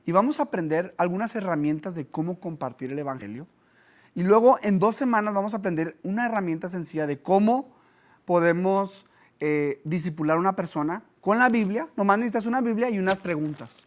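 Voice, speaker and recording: A man's voice: high-pitched, brisk. Man preaching conversationally. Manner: conversational, with lively storytelling. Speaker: pastor. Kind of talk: sermon teaching.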